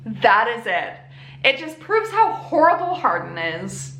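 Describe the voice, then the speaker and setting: A tipsy woman with a fairly high voice recaps a story in a loose, casual ramble. She takes her time and leans hard on dramatic reactions. The room is echoey, with some noise behind her. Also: slow pace. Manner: animated, acts out characters' reactions with exaggerated emphasis. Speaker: book reviewer. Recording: roomy echo with background noise.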